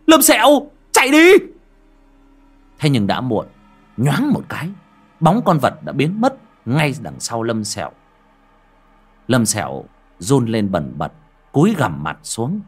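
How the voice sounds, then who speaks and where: A man narrates a horror tale. His pitch rises and falls a lot as he builds suspense, and a faint music bed plays behind him. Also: breathy edge. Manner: vivid, expressive storytelling. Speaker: audiobook narrator. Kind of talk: dramatic horror story narration.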